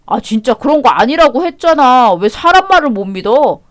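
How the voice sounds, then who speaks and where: A woman's voice: sits high, big pitch swings, moderate pace, dry recording, studio quality. A woman voicing a selfish, stingy married man in a radio drama, arguing in a dismissive, irritated way.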